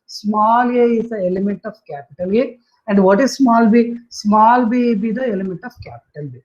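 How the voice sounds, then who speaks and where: A woman teacher with an Indian accent gives a maths lesson in a medium-pitched voice. She dictates notation piece by piece and repeats key phrases. The recording is dull and lo-fi. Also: normal speed, a little mellow. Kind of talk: maths lesson explained aloud to students. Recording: dull lo-fi audio.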